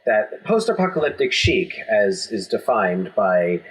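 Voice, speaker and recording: Husky man rambling in casual chat. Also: on the low side, very animated, unhurried, poor audio. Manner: rambling, joking, many restarts and fillers. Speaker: podcast co-host.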